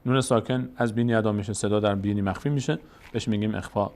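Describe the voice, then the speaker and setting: A man teaching Quran recitation rules step by step, explaining each rule and then slowly chanting the verses to show it. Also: fairly low pitch, steady tone, a little mellow. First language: Tajik.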